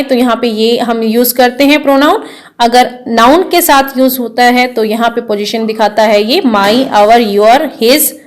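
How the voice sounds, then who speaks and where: A woman teaching English grammar to children, explaining in Hindi and reading English examples slowly, often asking if it is clear. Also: fairly high pitch. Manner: checks understanding with quick questions.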